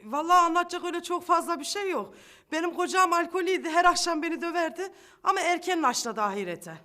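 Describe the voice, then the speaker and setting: An actress playing a downtrodden rustic widow looking for a husband, shy at first and bluntly folksy. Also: female voice, very high voice, animated, quick pace, sharp tone, exaggerated voice.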